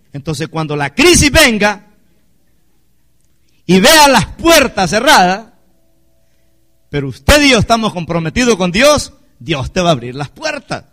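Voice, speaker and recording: A man's voice: high voice, fairly bright tone. A male pastor, preaching a sermon with rhetorical questions to his congregation.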